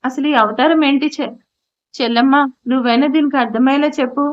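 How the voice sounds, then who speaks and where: A woman's voice: high-pitched, steady tone, brisk, natural voice. A woman voicing a startled, grumbling middle-aged man in an audio story, speaking in a scolding way. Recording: slightly muffled audio.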